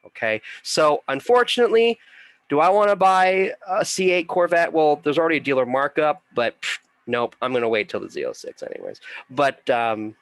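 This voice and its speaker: A man's voice: fairly high pitch, animated, moderate pace, a bit bright, no echo. A middle-aged man talks through a casual online investing lesson. He sounds congested and rambles, full of fillers and restarts. His voice is close and dry. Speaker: investing class teacher. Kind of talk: casual online class talk.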